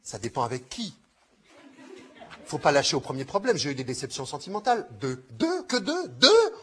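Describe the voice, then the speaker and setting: A man's voice: medium pitch, big pitch swings, fairly quick. A man reading short comic plays aloud, taking on every part himself and switching between character voices.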